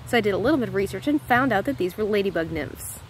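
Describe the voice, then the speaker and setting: A woman's voice: medium pitch, animated, fast, a little hiss or hum, poor audio. An American woman in her thirties giving a casual spiritual monologue to camera, rambling into tangents and correcting herself as she goes. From United States. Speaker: spiritual vlogger.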